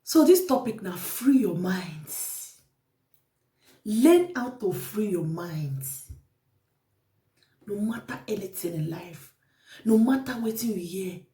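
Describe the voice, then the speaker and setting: A woman's voice: mid-range voice, dark tone. Echoey Nigerian Pidgin woman vlogger. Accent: Nigerian Pidgin English. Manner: repetitive, exhorting, preachy. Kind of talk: casual advice monologue to viewers. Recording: echoey room, mic at a distance.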